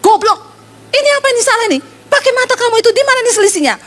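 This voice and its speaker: A woman's voice: very high voice, sing-song, racing, fairly bright tone, voice pushed up, full character voice. A woman playing a hot-tempered middle-aged man who snaps and scolds at his family and staff. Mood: angry. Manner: snapping, scolding.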